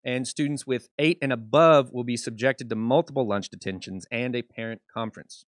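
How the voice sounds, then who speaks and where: A man's voice: medium pitch, a little fast, dry recording, clean studio sound. A man presenting a school video on rules, explaining in a casual, jokey way.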